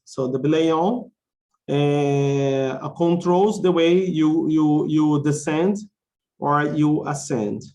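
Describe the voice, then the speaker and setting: Speaking slowly in a warm, fairly high voice, a male teacher runs an English conversation lesson. He keeps his explanations simple, repeats key phrases, and asks check questions to confirm his learners are keeping up.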